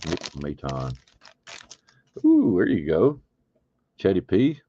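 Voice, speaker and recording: A man's voice: sits low, huge pitch swings, takes it slowly, lo-fi sound, background noise. A man hosting a live card break, chatting casually and thinking aloud as he opens packs. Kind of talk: casual live stream chat.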